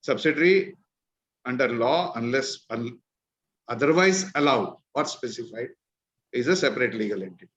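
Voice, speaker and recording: A man's voice: medium pitch, lively intonation, normal speed, a bit bright. A man with a North Indian accent leading an online discussion, explaining points informally and checking in with listeners. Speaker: discussion leader, presenter. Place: virtual meeting call. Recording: dull, lo-fi online call.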